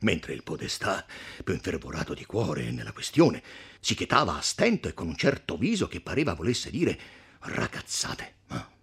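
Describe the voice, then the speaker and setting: A man's voice: low voice, very animated, moderate pace, fairly bright tone, husky. A man reading a classic novel aloud expressively, voicing several characters. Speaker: audiobook reader.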